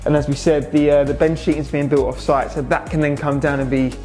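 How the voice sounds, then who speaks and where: A young Englishman, the restaurant's owner, records a vlog update on its renovation, talking to a camera in a large indoor space. His voice is a little high, level and fairly quick, with a warm tone, and he keeps it casual and matter-of-fact, leaning on "so" and "obviously." Faint music plays behind him.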